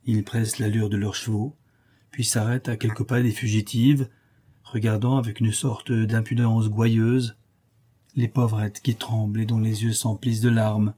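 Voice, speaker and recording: Dark husky male audiobook narrator. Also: on the low side, flat delivery, normal speed.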